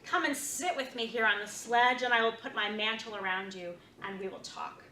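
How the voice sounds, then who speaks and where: A regal, cold-hearted witch queen speaks in a slow, honeyed, coaxing way, as a woman reads her lines aloud. The voice is bright and sits fairly high. It comes from some distance off in an echoey room with a faint hiss behind it. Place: church meeting room. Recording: roomy, distant mic, faint noise.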